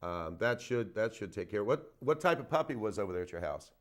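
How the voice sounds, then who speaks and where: A man's voice: lowish voice, sing-song, quick pace. A man hosting a call-in show as a veterinarian, giving casual advice with lots of fillers and "okay?" check-ins. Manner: folksy, repeats himself, frequent "okay?" and "uh". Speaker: veterinarian radio host taking calls. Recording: phone-in radio.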